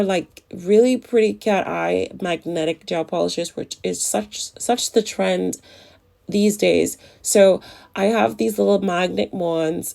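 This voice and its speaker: In this relaxed nail tutorial, the narrator's mid-range voice is creaky and mellow, and slightly off from flu recovery. She stays chatty and clearly enthusiastic about the products she uses.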